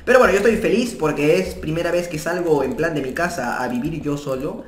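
A young man giving casual gameplay commentary from his new apartment, chatty and prone to sudden excited outbursts. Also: a little high, a little fast. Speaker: gaming YouTuber. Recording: echoey room, faint background music.

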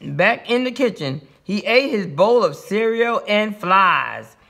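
A man reading a children's picture book aloud in a lively way, with sound effects and small slips. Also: sits high, slow pace, gravelly. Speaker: story reader.

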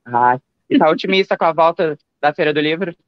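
A young man in his twenties reporting live from an outdoor book fair with a handheld mic, asking brisk short questions. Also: fairly high pitch, dry recording, highs cut off. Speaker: field reporter. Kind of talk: live on-site reporting and interviews.

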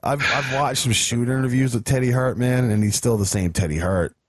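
A man's voice: medium pitch, steady tone, brisk, no room sound, clean studio sound. A man hosting a podcast, chatting casually and giving blunt, profane opinions. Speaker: podcast host. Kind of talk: casual chat.

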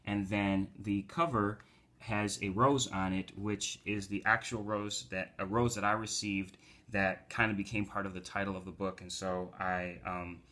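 A man's voice: low-pitched, bright, forceful tone. A man, a community organizer and poet from the United States, talking casually with fillers before reading his poems aloud from home. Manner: loose talk with fillers, rising to emphatic poetry recital. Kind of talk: casual talk and poetry reading.

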